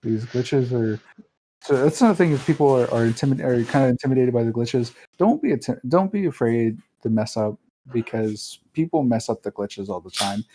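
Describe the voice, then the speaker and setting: Rambling male race commentator, mellow tone. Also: mid-range voice, fairly quick, a little hiss or hum, poor audio. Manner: rambling, many restarts and fillers. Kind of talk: casual commentary chat.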